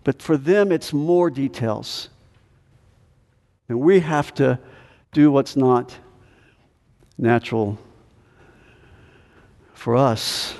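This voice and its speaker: A man's voice: mid-range voice, extremely slow, long pauses, darkish tone. Man preaching in a reverberant hall. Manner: conversational preaching with humor and rhetorical questions. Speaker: pastor. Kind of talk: sermon.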